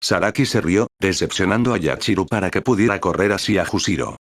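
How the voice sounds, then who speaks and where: A man reading a fan-fiction story aloud as narrator in steady storytelling narration. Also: deep voice, fairly quick.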